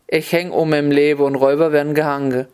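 A man voicing a good-natured young hero who speaks calmly and kindly in dialect. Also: a little high, fast, clean tone, lightly acted.

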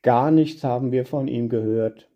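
A man's voice: medium pitch, moderate pace, mellow, close to an everyday voice. A man voicing a worried, tearful mother who frets plaintively, in a dull lo-fi storybook reading. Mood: fretting. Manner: plaintive, fretting.

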